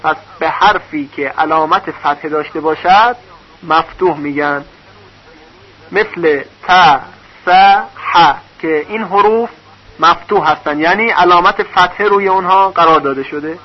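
High-voiced man teaching, dull lo-fi recording. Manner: patient, spells out syllables one by one. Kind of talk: recorded lesson on reading vowel marks.

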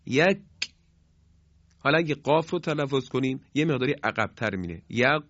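A man giving a formal, polite pronunciation lesson on Quran recitation, repeating sounds slowly to demonstrate them. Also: mid-range voice, lively intonation, fairly bright tone, no room sound. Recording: slightly dull lo-fi sound.

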